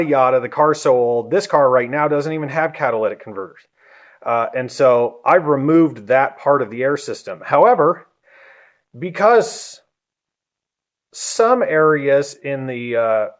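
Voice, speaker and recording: A man giving a casual how-to walkthrough of an engine in a garage, talking in a relaxed, rambling way with ums and self-corrections, a little out of breath. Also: a little high, unhurried. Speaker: car hobbyist vlogger.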